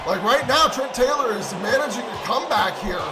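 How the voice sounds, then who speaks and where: A man doing excited wrestling commentary who erupts into shouts at big moves. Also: very high-pitched, fairly quick, low-quality recording. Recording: over loud crowd and music. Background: crowd noise and music.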